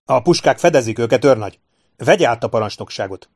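A man voicing a commanding male officer who shouts urgent orders in battle. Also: mid-range voice, animated, no echo, clean studio sound. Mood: shouting orders.

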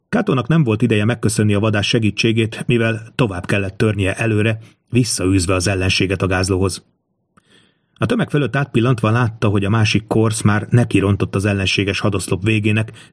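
A man reading an audiobook in a steady, measured storytelling voice. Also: fairly low pitch, no room sound. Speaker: audiobook narrator. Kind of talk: scripted audiobook narration.

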